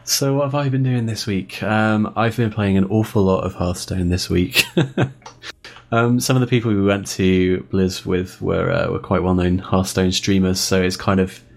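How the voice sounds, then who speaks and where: A man with a very low, deep voice hosts a relaxed gaming podcast. He is chatty and self-deprecating, and he laughs easily between his points. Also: normal speed, gravelly. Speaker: podcast host. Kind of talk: casual gaming podcast chat.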